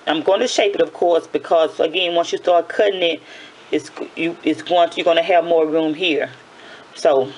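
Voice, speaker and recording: A woman with a raspy early-morning voice gives a casual hands-on tutorial, chatty, often repeating and correcting herself. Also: on the low side, slight background noise, poor audio. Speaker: nail tutorial host.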